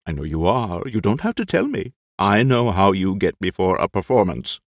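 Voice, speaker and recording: A man's voice: big pitch swings, moderate pace, no echo, clean studio sound. A man playing a frantic, vain old stage actor. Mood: boastful. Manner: frantic, theatrical, high-pitched outbursts. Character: aging vain Spanish stage actor, nervous and fussy.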